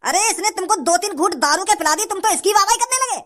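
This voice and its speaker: A bullying male village bandit from a cartoon, threatening and full of brag, with a woman doing the voice. His voice sits very high. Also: animated, fast, a bit bright. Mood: angry. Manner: threatening, bragging. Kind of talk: cartoon voice acting.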